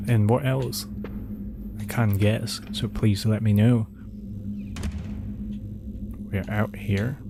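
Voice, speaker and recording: A Cantonese-first-language streamer casually plays a horror game with music behind him, reading documents aloud, skipping ahead with asides and answering chat. He takes it slowly, with a fairly low, fairly even, creaky voice and long pauses.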